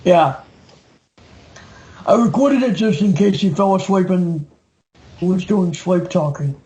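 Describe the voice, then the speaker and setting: A man chatting casually on a group call, animated and halting, with drawn-out phrases. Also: high-pitched, highs cut off.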